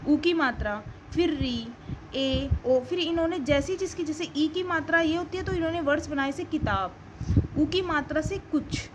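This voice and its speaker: A woman's voice: high-pitched, animated, moderate pace, noisy background. A woman school teacher giving an online grammar lesson, explaining step by step and answering her own questions.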